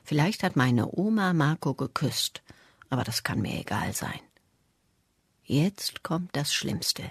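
Husky measured storybook narrator. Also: medium pitch, very animated, no room sound. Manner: measured first-person telling. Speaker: audiobook reader.

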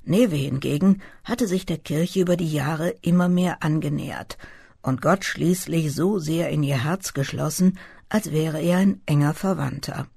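An audiobook narrator reading a literary novel in a calm, measured storytelling manner. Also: mid-range voice, vocal fry, breathy edge, no echo, studio quality.

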